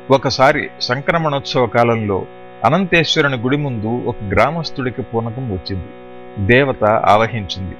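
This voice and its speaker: A male audiobook narrator tells the tale steadily and explains as he goes. His voice sits at an ordinary pitch. The recording is dull and lo-fi, with faint music behind him. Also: fairly bright tone. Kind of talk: scripted narration.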